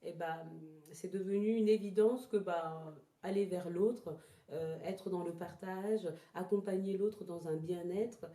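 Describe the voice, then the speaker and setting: A very mellow, lowish, steady woman's voice rings through an echoey room in a house. She's a traditional therapy practitioner, born in Togo, raised partly in Ghana, and moved to France as a child, giving reflective personal interview answers in a halting way, repeating words while searching for phrasing.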